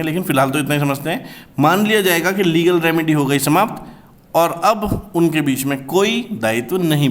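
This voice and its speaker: A man teaching a commerce law class, explaining step by step and slowly repeating key terms, with terms. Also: a little high, fairly bright tone, slight background noise.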